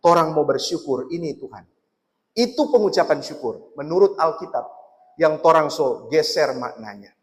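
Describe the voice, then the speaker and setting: A male pastor preaching a lively sermon with a Manado Malay accent, often putting questions to his listeners. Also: sits high. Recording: long hall reverb.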